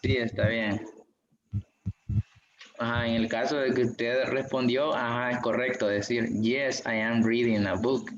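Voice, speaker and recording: Guy teaching english online, slow and patient, echoey room, kinda dull audio. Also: mid-range voice, steady tone, a little hiss or hum. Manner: slow, patient, repeats examples. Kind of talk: online class explanation. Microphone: video call.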